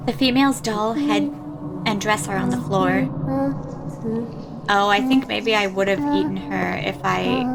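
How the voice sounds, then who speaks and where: A woman's voice: mid-range voice, measured pace, vocal fry, long pauses. A woman game streamer who reads story text aloud dramatically and breaks off into casual, blunt, sweary commentary. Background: game music behind the voice.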